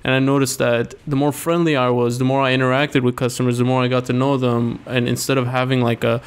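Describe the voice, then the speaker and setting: Young man, mid pitch, podcast co-host, easygoing casual chat. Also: flat delivery, fast, smooth.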